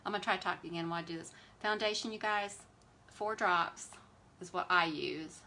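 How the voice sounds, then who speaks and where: A woman's voice: on the low side, a little fast, pushed and bright, slight background noise. A woman, chatting animatedly and with exasperated sass while hosting a beauty livestream. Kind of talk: casual livestream chat while doing makeup.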